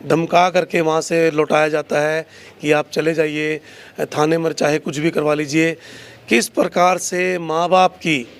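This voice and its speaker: A man reporting in the field for local news, interviewing a family and appealing earnestly to viewers. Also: on the high side.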